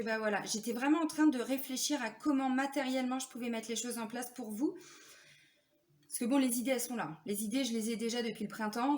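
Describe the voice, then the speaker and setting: Chatty woman with a higher voice. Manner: chatty, confiding, many fillers and tag questions. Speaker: spiritual therapist and medium. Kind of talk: casual talk to camera viewers.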